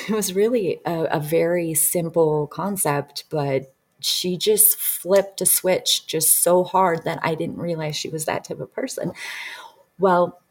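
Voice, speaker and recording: A woman in her thirties speaks with a notably low voice. She tells her story casually as a healing practitioner, rambling along with frequent fillers and restarts. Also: takes it slowly. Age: 30s.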